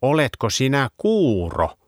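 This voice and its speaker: A man's voice: mid-range voice, huge pitch swings, pushed and bright, no room sound, clean studio sound, pitched above the performer's own voice. A man voicing a grumpy, yappy little dog in a children's storybook, snappy and stubborn. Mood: scolding.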